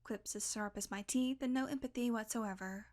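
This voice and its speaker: Her voice is a little high, a little mellow and natural as she plays a sardonic vampire in intimate audio roleplay. Annoyed and guarded, she's blunt and sarcastic but still caring underneath, coaxing, sighing, and letting pauses hang deliberately.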